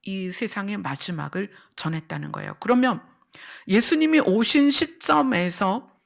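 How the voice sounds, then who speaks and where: With a creaky, medium-pitched voice that's expressive and moves at an ordinary pace, a woman pastor preaches and teaches. Her sermon uses illustrations, builds step by step, repeats central phrases and puts questions to those listening.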